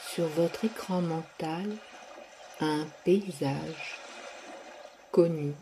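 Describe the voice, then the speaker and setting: A woman leading a guided sophrology relaxation, speaking softly and drawing out her words with long pauses. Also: low-pitched, background noise. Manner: slow, soft, drawn-out delivery with long pauses.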